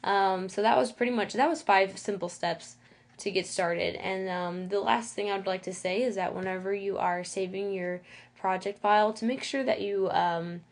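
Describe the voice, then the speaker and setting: A woman presents a casual step-by-step software tutorial in a mid-pitched voice. She has a lisp that makes her s sounds whistle. Her delivery is halting and a little self-conscious, with small check-ins between steps.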